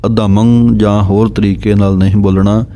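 A man giving a pronunciation lesson on scripture, reciting verses slowly and deliberately and spelling out letters and vowel marks. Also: lowish voice, little pitch movement, dark tone, slight background noise.

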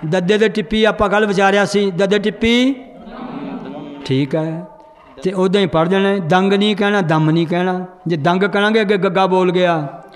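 A man's voice: high voice, fairly even intonation, normal speed, in a large hall. A man teaching a group how to read and understand scripture, quizzing the class and then answering himself. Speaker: Gurbani grammar teacher.

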